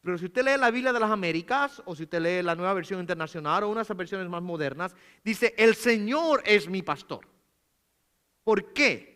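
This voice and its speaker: A man's voice: high-pitched, a little fast, pushed and bright, clear, resonant tone. A man preaching a sermon as pastor, explaining patiently with rhetorical questions and reading scripture aloud with emphasis. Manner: asks rhetorical questions, frequent "¿verdad?". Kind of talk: sermon teaching. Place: church.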